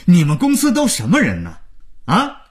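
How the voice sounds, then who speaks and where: A male narrator voices a blunt, proud man, curt and quick to scold. The raspy, breathy voice swings widely in pitch. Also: sing-song, darkish tone, exaggerated voice.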